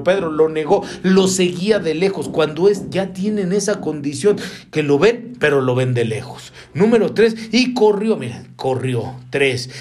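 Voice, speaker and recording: A man preaching a sermon, animated, leaping up in pitch and dropping to hushed asides, calling the listeners brother.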